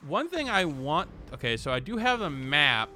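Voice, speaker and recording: Fairly high-pitched and sing-song, this man's bright, forceful voice moves at normal speed with slight background noise. As a gaming video host, he offers casual, improvised let's play commentary, reading the game's text aloud and rambling, often interrupting himself while thinking aloud.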